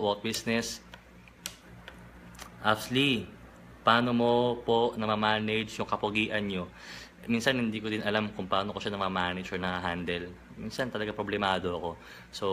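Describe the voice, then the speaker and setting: A young Filipino man giving an energetic motivational business talk in mixed Tagalog and English, repeating catchphrases and answering viewer questions. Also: lowish voice, a little hiss or hum. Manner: energetic, repetitive Taglish with catchphrases.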